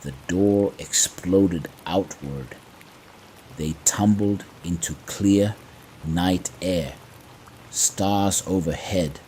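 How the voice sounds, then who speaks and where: Deep, dark-voiced man narrating hushed, creeping horror. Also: a little hiss or hum, rough recording. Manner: measured, dramatic short phrases with pauses. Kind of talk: scripted horror story narration to fall asleep to. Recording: faint rain ambience behind. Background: soft rain sounds.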